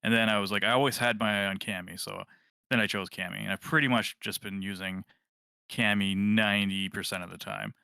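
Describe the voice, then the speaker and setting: A man's voice: lowish voice, fairly even intonation, a little fast, gravelly, sharp tone, smooth, dry recording, studio quality. A man co-hosting a casual gaming podcast, rambling and correcting himself as he talks. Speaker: podcast co-host.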